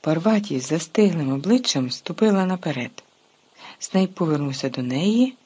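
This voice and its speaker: Narrator, husky and breathy, mid pitch, expressive storytelling read. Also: moderate pace. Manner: lively, expressive storytelling with sharp shifts in loudness. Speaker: audiobook narrator. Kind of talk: audiobook reading.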